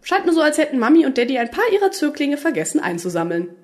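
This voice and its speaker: A woman reading the lines of a quirky, excitable male alien time traveller in a storybook. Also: high-pitched, quick pace, voice pushed up. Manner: excitable, rambling, lively.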